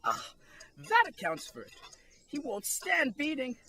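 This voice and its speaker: A woman's voice: high-pitched, wildly swooping pitch, a little slow, sharp tone, full character voice. A woman playing the Mad Hatter, an eccentric and moody tea-party host, with erratic theatrical delivery in an amateur audio drama. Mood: aggrieved, excitable.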